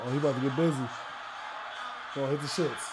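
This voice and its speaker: A man from New co-hosting a casual podcast, hyping up basketball clips with loud bursts of excitement. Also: medium pitch, quick pace, heavy background noise. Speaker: podcast co-host. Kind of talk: casual chat.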